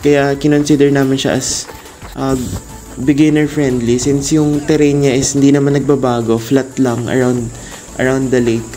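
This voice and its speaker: Male vlog narrator, medium pitch, hesitant and unscripted, faint music underneath. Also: warm tone.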